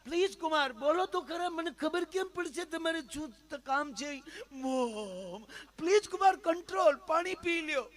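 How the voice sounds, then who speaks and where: A man voicing a weepy, fussing middle-aged mother-in-law who pleads in a high, tearful voice on the phone. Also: animated, a little slow, few pauses. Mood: tearful, pleading.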